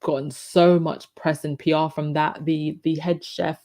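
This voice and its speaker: A woman with a croaky, low-sitting voice hosts a casual live stream, chatting and reading viewer comments aloud with lots of ums and restarts. Her delivery is flat and measured, with a warm tone.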